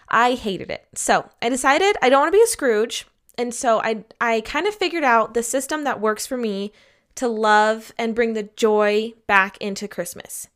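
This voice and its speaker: A woman's voice: fairly high pitch, a bit bright, clear, resonant tone. A woman talking casually and candidly in an upbeat advice vlog, emphatic and chatty, laying out her points in an organized way. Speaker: advice vlogger.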